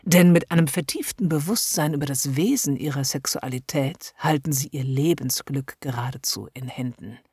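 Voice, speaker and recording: A woman voicing a smooth-talking male hypnotist who speaks slowly and coaxingly, often close to a whisper. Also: sits low, dry recording. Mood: smooth persuasive. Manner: slow, soft and coaxing, often near a whisper.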